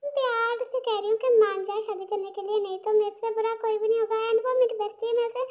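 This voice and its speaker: A woman's voice: extremely high pitch, fairly even intonation, quick pace, highs cut off. A woman voicing a middle-aged mother who coaxes and bosses her daughter toward marriage. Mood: coaxing. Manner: sweet-talking with threats.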